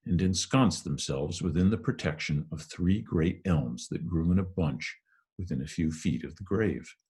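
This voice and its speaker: A man with a very low, strongly husky and rough voice reads a classic novel aloud, audiobook style. His narration is measured and expressive.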